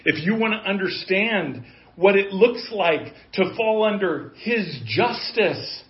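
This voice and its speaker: Earnest preacher man in his fifties. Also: fairly high pitch. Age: 50s. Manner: earnest, conversational preaching with rising emphasis. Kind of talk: sermon. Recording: dull lo-fi audio.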